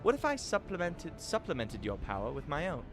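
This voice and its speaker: Measured scholar-mage read by a man, archaic diction, steady music underneath. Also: fairly high pitch, voice pushed up. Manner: stately, archaic phrasing. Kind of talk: reading game dialogue aloud.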